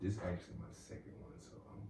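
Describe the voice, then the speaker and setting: A man's voice: quick pace, warm tone, a little hiss or hum. A man hosting a podcast in casual chat, loose, slangy and joking with his guest. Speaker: podcast host. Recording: roomy, distant mic, faint ambience.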